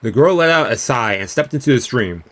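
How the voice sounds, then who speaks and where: Over game music, a man reads a visual novel aloud on a live stream, tripping over words now and then and tossing in casual comments. His medium-pitched voice is fairly bright, brisk, and lively in intonation.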